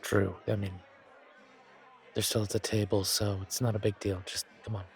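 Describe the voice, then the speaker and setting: With a creaky, lowish voice that barely moves in pitch, a man speaks at normal speed as a reassuring bartender at a supernatural bar. The one-sided audio roleplay is casual and naturalistic, and his chatty, slightly hesitant delivery feels concerned and soothing over the crowd chatter of a bar.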